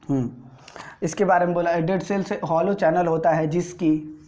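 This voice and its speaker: A male teacher with an Indian accent, giving a slow board lesson to school students and checking often that they follow. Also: on the high side, fairly even intonation, darkish tone. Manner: explains slowly, drawing as he speaks, keeps checking understanding.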